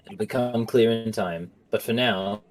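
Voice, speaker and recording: A man voicing a confident young male law student who speaks calmly and assuredly. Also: lowish voice, a little slow, close to an everyday voice.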